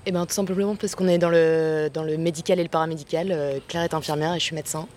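A woman's voice: deep voice, steady tone, quick pace, a little mellow, slight background noise. A woman, a doctor, chatting enthusiastically about a race with lots of hesitations. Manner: enthusiastic, many fillers. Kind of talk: casual interview. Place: outdoors in Cambodia.

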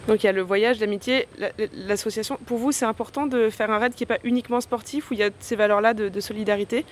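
A reporter asking questions briskly in an outdoor field interview. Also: mid-range voice, steady tone, a little hiss or hum.

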